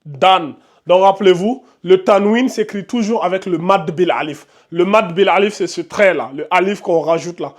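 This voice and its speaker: A man gives an Arabic reading lesson, his voice sitting a touch high. He drills each letter's sound aloud and keeps checking in with his viewers. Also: normal speed. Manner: addresses viewers directly, frequent checks. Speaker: Arabic teacher. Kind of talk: whiteboard lesson.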